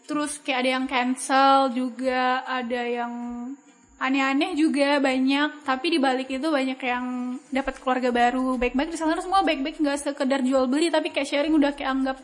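A young woman with a high voice talks about running her small online bag shop. She answers in an easygoing, reflective way and often stops to think mid-sentence. Her delivery stays casual and unhurried. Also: rough recording. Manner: relaxed, reflective, with frequent thinking pauses.

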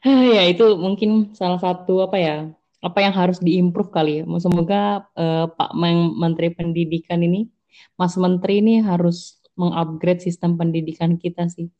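A woman's voice: on the low side, steady tone, moderate pace, dark tone, lo-fi sound. A woman hosting a remote podcast from home, asking questions casually with hesitant fillers. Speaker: podcast host.

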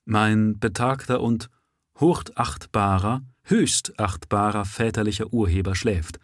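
A man reading a story aloud and voicing a distraught nobleman who begs in a high, strained voice for his father's sake. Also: steady tone, slow pace, no room sound, studio quality. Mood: ceremonious. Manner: begging, wailing, high and strained. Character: distraught pleading Korean nobleman, a son.

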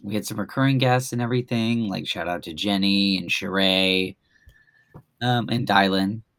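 A woman's voice: a bass voice, normal speed, a bit bright, no echo. A woman co-hosting a podcast, chatting casually in an easygoing, agreeable way. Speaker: podcast co-host. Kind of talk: casual chat.

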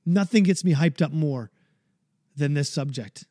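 A man's voice: on the high side, unhurried, dark tone, no echo, clean studio sound. A man hosting a podcast, delivering a fired-up, preachy motivational monologue and swearing freely. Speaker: podcast host.

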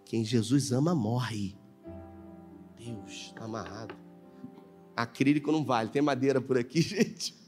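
A man with a Brazilian Portuguese accent, a pastor preaching a live sermon in church, animated and acting out dialogue in voices. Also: medium pitch, unhurried, pauses often, faint music behind. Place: church sanctuary.

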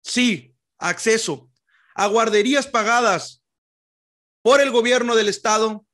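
A man's voice: high-pitched, measured pace, a bit bright. A man playing an earnest populist politician, solemn and pleading, in a parody campaign speech.

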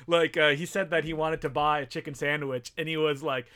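A man from Canada whose first language is French, chatting casually as a podcast guest, self-deprecating and quick to laugh. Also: a little high, fairly even intonation, sharp tone, clear, resonant tone. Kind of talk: casual chat.

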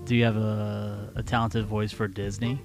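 A man's voice: fairly low pitch, little pitch movement, moderate pace, soft background music. A man co-hosting a casual podcast, rambling with many fillers and restarts. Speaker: podcast co-host.

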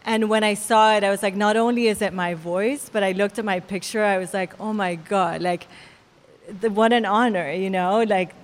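A woman's voice: mid-range voice, steady tone, normal speed. Earnest woman activist, reverberant gallery. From El Salvador. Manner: earnest, heartfelt, filler-laden. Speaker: activist panelist. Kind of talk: live panel talk. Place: art gallery.

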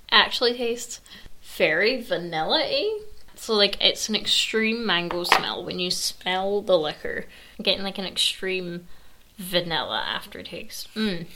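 A woman's voice: medium pitch, pushed and bright. A young woman hosting a podcast, chatting casually in a rambling, sarcastic way with lots of fillers. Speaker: podcast host.

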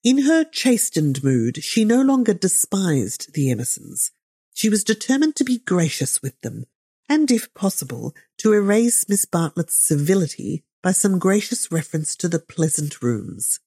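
A woman narrates an audiobook in a measured, gently ironic way. Her voice sits low and mellow, with a husky grain. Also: sing-song.

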